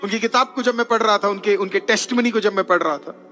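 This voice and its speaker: A man's voice: high voice, quick pace, sharp tone, faint music behind. A male pastor preaching a sermon, punctuating his points with frequent hallelujahs and slipping English words into his talk. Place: church.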